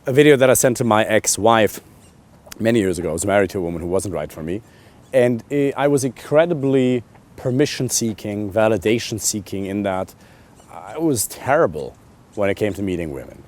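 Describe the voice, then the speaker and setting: A man in his thirties coaching men on dating, blunt and animated, swearing casually and pushing hard on his key points. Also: a little fast. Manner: animated and emphatic, swings loud and high on key points. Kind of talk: coaching monologue to camera.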